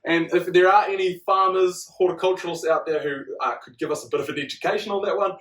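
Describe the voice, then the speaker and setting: A man's voice: high-pitched, steady tone, quick pace, a bit bright. A young man with a New Zealand accent co-hosting a podcast, reading out points and picking them apart in a chatty, wry way. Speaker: podcast co-host. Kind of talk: casual chat. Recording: roomy room, mic at a distance.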